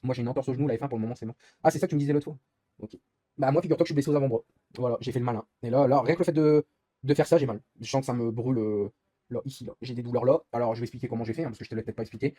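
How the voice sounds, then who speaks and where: A young man chats on a live stream while playing a racing game, talking at a breakneck pace and swearing freely as he rambles through his complaints. His voice is husky and mellow, and the recording is close and dry. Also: medium pitch, fairly even intonation, rapid-fire, no room sound. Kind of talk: casual live-stream chat while gaming.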